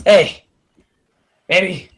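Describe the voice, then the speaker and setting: A man's voice: very slow, noisy background. A man acting out a hot-headed fighter. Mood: pleading. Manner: impulsive outbursts, shouting.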